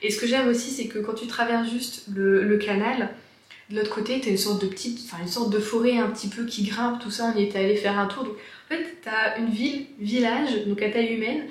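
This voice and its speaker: A woman's voice: a little high, steady tone, a little fast. A woman chatting casually to her viewers in a rambling, self-interrupting way, recorded in an echoey home office. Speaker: book and lifestyle vlogger answering viewer questions. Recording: echoey, resonant room.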